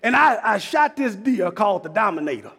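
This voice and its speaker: A man preaches with a high, gravelly, husky voice. He tells his story in a lower, quick telling voice, then climbs into shouted, rhythmic church preaching. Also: sing-song. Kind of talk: sermon with a hunting story.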